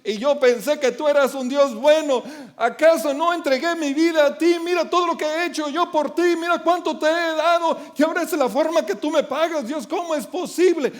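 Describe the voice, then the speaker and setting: A preacher acting out a complaining believer, reproachful and aggrieved. His pitch sits very high and rises further as he whines his questions. The voice pushes louder with each grievance. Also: moderate pace. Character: bitter complaining male believer.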